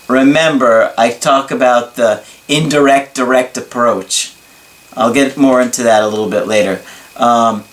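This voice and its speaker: A male dating coach talks at a slow, deliberate pace, leaning on his words. His voice sits in a middle register. He reads viewer emails aloud and breaks in with dry, sarcastic remarks. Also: mid-range voice, fairly bright tone, low-quality recording. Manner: slow, emphatic delivery with laughs and sarcastic asides. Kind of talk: talking-head advice video.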